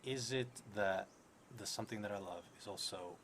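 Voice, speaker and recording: This solo tabletop roleplay streamer, a man in his thirties, talks through an improvised story at a table indoors in a theatre room. His voice sits on the low side with a slightly bright quality and a normal pace, and he muses hesitantly, frequently letting sentences trail away. The recording clearly picks up room noise.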